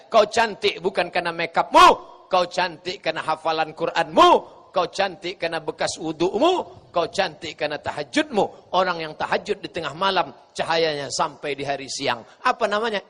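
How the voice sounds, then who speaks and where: A male preacher gives an animated, joking sermon, acting out voices and chanting verses. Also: high-pitched, normal speed. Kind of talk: humorous sermon with Q&A. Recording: echoey hall.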